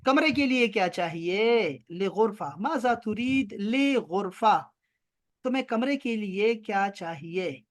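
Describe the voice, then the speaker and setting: A man teaching Arabic in an online class over a video call, drawing out the Arabic phrases slowly and explaining them briskly, often teasing his students. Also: high-pitched, expressive. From Pakistan. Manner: slow drawn-out Arabic examples, brisk explanations.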